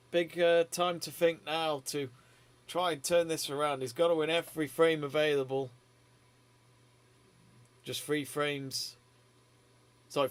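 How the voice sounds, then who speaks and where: A man hosting a live snooker watch-along, giving measured, conversational play-by-play commentary. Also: a little high, a bit bright, clear, resonant tone.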